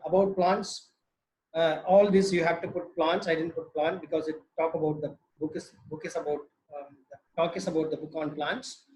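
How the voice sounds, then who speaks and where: A man with a fairly high voice and a South Indian accent speaks informally to an online audience. He sounds slightly nervous, pausing and restarting in a conversational, joking manner. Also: rough recording. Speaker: webinar speaker. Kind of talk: informal talk on books.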